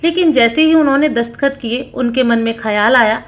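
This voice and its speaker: Woman, fairly high voice, storytelling narration, same voice for every role. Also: moderate pace. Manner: reads all characters in her own voice, small pitch shifts.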